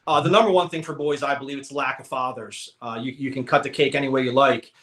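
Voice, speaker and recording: An American man giving an emphatic, energetic motivational talk, repeating his points for emphasis. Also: medium pitch, fast talker, echoey room. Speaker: motivational speaker. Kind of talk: live presentation talk.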